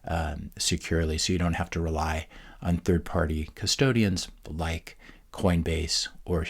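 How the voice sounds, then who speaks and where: A man hosting his own channel, giving a steady educational talk with occasional fillers. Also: deep voice, husky. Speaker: channel host and teacher. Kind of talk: educational monologue.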